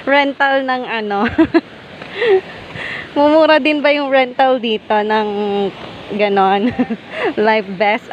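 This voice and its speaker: Slow-talking chatty Filipina vlogger outdoors. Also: female voice, a little high, low-quality recording. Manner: chatty, exclaiming, laughing often. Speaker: travel vlogger. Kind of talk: casual travel vlog narration. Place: outdoors at waterfalls, walking. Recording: loud rushing waterfall noise outdoors.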